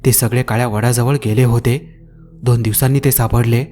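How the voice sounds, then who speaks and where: A man voicing a grim, calm old village police headman who gives slow, solemn warnings. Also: mid-range voice, faint music behind, natural voice. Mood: grave.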